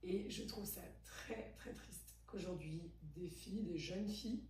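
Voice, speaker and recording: A woman's voice: fairly low pitch, a little slow, darkish tone. Chatty young woman hosting a podcast. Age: 20s. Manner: chatty, emphatic, asks probing questions. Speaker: podcast host. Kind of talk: casual conversation. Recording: echoey room, distant mic, faint hum.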